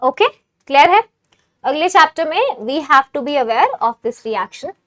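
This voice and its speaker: A woman giving an online exam-prep chemistry lecture. She mixes Hindi with English phrases and keeps checking with her students, asking if everything is clear. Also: high-pitched, animated, slow, a bit bright. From India. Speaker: chemistry teacher.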